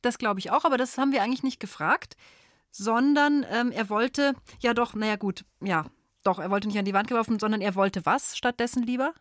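A woman's voice: a little high, fairly quick, no room sound, studio quality. A woman hosting a children's call-in quiz on the radio, friendly and encouraging with young callers. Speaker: radio show host.

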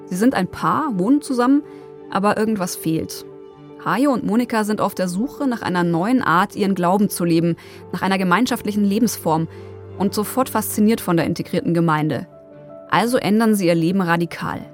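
A woman's voice: medium pitch, fairly quick, faint music behind. Woman narrating a documentary podcast.

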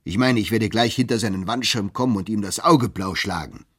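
A man voicing a loud, blustering, quarrelsome middle-aged clerk in a storybook reading who bellows his lines. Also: deep voice, wildly swooping pitch, measured pace, husky, exaggerated voice. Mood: belligerent. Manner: bellowing, boastful.

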